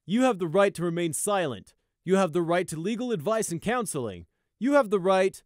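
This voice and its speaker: A man's voice: high voice, lively intonation, a little fast, no echo, clean studio sound, voice pushed up. A man doing a droning pegasus guard. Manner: droning, rote. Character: dutiful male pegasus guard reciting rights.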